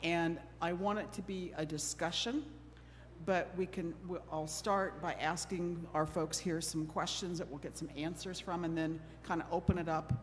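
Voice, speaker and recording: A middle-aged woman from Oregon chats her way through moderating a church panel, a bit nervous and quick to laugh at herself. She has a lowish voice with a steady tone and moderate pace, recorded in a church hall with long reverb and faint noise.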